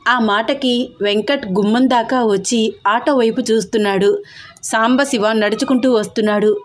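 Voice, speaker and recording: Woman storyteller, higher voice. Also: steady tone, normal speed. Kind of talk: scripted narration.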